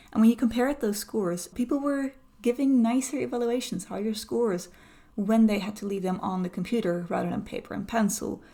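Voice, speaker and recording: A woman explains research findings in an easygoing, story-led way. Her mid-pitched voice carries a noticeable gravelly fry, and she adds small dry jokes as she goes. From Netherlands. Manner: lively, anecdotal, lightly humorous. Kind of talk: conversational explanation.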